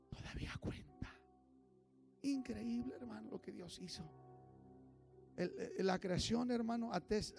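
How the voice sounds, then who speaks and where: A male pastor with a high, gravelly voice delivers a sermon, switching between Spanish and English and calling out congregation members by name. He grows louder and more fervent as he preaches.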